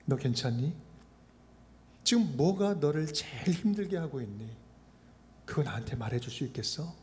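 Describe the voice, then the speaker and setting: A preacher voicing a gentle, tender God. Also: male voice, on the high side, lively intonation, moderate pace, a little hiss or hum. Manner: soft, quiet, tender questioning. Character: gentle caring God speaking softly to a weary prophet. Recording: reverberant church sound system.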